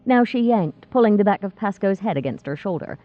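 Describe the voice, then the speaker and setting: A woman narrating a fantasy novel in a steady, measured reading. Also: medium pitch. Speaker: audiobook narrator. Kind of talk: scripted narration. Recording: tinny phone-like dry sound.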